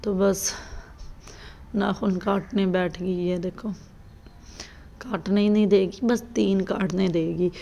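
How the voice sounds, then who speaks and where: A woman's voice: mid-range voice, steady tone, slow pace, gravelly, pauses often, dark tone, highs cut off, slight background noise. A woman, chatting casually in a home vlog and quoting her children. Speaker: mother and family vlogger.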